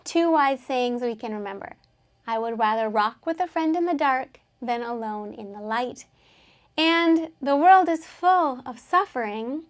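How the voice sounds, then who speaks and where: A woman teaching an English lesson, patiently explaining words and having learners repeat them after her. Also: high-pitched.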